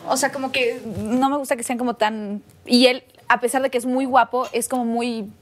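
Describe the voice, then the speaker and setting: A high-voiced Mexican woman chatting casually as a guest. She is slangy and giggly, and she leans on filler phrases all the time. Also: steady tone, normal speed. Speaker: actress guest. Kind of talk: casual chat.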